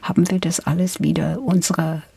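Older woman, German, husky, reflective and measured, radio guest. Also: fairly low pitch, fairly even intonation, dark tone, no room sound. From England. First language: English. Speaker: guest, literary scholar. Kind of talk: radio interview conversation.

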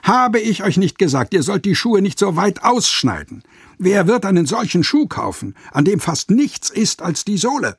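A man's voice: high voice, sing-song, moderate pace, slightly rough, dry recording, studio quality, pitched above the performer's own voice, heavily acted. A man voicing a fussy, scolding master shoemaker in a radio fairy tale reading, raised and lecturing. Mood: indignant scolding.

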